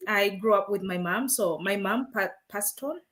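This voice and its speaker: A woman's voice: mid-range voice, moderate pace, a bit bright. A woman from Uganda, a guest in an interview, telling her story in a friendly way and laughing between phrases. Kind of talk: interview answers.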